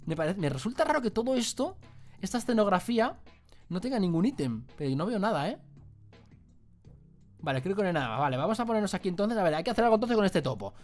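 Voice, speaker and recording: A man's voice: sits high, sing-song, fast talker, darkish tone, faint music behind. A man with an accent from Spain, giving jokey gameplay commentary and muttering to himself as he plays. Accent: Spain Spanish. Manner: jokey, exclaiming, muttering to himself while playing. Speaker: gaming youtuber.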